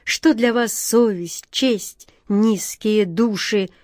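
A woman's voice: mid-range voice, slow pace, darkish tone, no room sound, natural voice. Brief: an offended, grumbling storybook pirate, read by a woman, dry close sound. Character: resentful, grumbling male pirate. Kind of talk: storybook reading.

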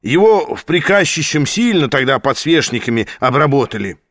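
A man's voice: a little high, big pitch swings, moderate pace, a bit bright, no room sound, clean studio sound. A man voicing a jovial, nostalgic former police officer with hearty exclamations.

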